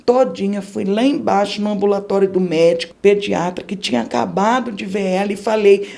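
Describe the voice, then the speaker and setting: A woman's voice: mid-range voice, a little fast, creaky, darkish tone. A middle-aged woman with a Brazilian Portuguese accent gives an emotional religious testimony on a podcast, telling her story vividly and acting out the people in it. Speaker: podcast guest giving testimony.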